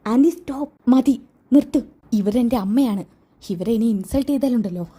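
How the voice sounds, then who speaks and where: Woman doing young daughter-in-law, sharp and defensive, husky, talks fast. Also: on the high side. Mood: defiant. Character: young woman torn between families, defensive.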